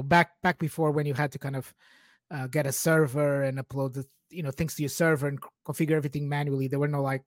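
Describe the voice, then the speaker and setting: A Portuguese man in his forties, a native speaker of Portuguese, chats informally and rambles as a guest on a podcast, sharing casual personal talk. His voice is fairly high-pitched, and the studio-quality recording has no room sound.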